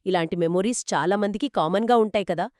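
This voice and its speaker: A woman's voice: mid-range voice, fast, darkish tone, dry recording, clean studio sound. A woman co-hosting a book discussion podcast, explaining and summing up reader reviews. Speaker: podcast co-host.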